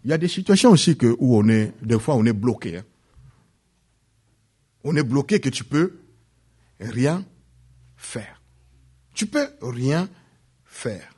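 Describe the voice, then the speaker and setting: Husky preacher with dramatic swings. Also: male voice, medium pitch, very animated, slow pace, long pauses. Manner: dramatic swings between loud peaks and hushed drops, repeats phrases. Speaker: pastor. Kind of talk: sermon.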